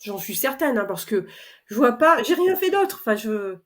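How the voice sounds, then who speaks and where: A middle-aged French woman telling her own story in a chatty, animated way, acting out conversations with many fillers. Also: a little high, moderate pace, soft background music. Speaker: customer testimonial speaker. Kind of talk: personal testimony, casual storytelling.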